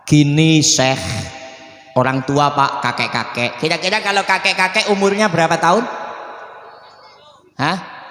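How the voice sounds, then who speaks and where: A high-voiced, bright preacher delivers a jokey sermon in a prayer hall. He slips into regional dialects and chants prayers out loud, his voice ringing with long reverb. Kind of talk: humorous sermon.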